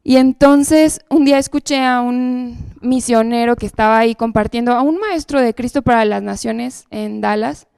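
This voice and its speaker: Woman with a gravelly, fairly high voice. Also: moderate pace, few pauses, darkish tone, no room sound. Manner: earnest storytelling with frequent tag questions. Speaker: church speaker giving testimony. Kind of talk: personal testimony.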